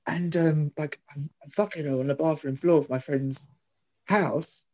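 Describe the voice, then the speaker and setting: A man chatting casually, telling rambling, halting stories. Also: a little high, fairly even intonation, warm tone, muffled recording. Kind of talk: casual chat.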